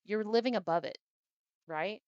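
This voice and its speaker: A young adult woman hosting a podcast, reading a book aloud and breaking off into chatty, animated commentary. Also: mid-range voice, moderate pace, smooth, no room sound, dull audio.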